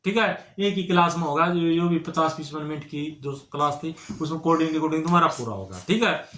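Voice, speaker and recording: High-voiced coaching teacher. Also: male voice, fairly quick, fairly bright tone, roomy sound. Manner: repetitive, keeps checking with "ठीक है ना"; calls students brother and friends, coaxing. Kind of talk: reasoning lesson at a whiteboard.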